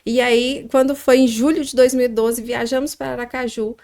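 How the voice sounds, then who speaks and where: A middle-aged woman with a Minas Gerais accent, telling her story as a podcast guest, reflective and pausing often with fillers. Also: fairly high pitch, little pitch movement, darkish tone. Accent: Minas Gerais Brazilian Portuguese. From Minas Gerais, Brazil. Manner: reflective, pauses with frequent fillers. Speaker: guest, restaurant founder.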